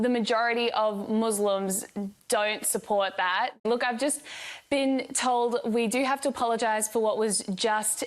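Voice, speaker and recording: A woman hosts a live television program, moving briskly between guests and formal statements. Her voice is a little higher than average. Her delivery stays crisp and composed. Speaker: TV show host. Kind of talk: live TV presenting and a read-out apology.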